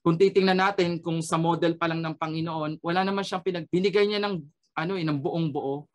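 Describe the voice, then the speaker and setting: A man's voice: a little high, fairly even intonation, fairly quick. A man sharing an earnest personal testimony as a radio program guest, switching between Tagalog and English and often adding a questioning "no?".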